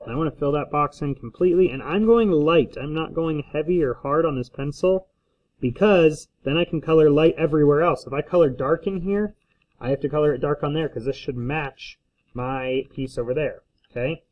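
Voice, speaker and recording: A man's voice: on the high side, moderate pace. A man teaching in a casual instructional screencast, often checking in with a short questioning tag. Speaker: school teacher. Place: indoors at a desk, recording a screencast. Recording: slightly dull lo-fi screencast audio.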